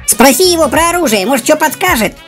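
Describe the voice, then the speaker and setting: A bold cartoon dog played by a woman, snarky and blunt. The voice is high and animated, rattling along quickly over faint music. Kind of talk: cartoon dog voice in a scripted comic story. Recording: music behind the voice.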